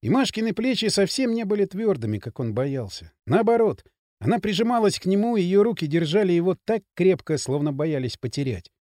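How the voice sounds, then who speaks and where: A man reading an audiobook in an expressive narration style. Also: no room sound, studio quality. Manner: expressive reading with quick pitch swings. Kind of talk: scripted narration.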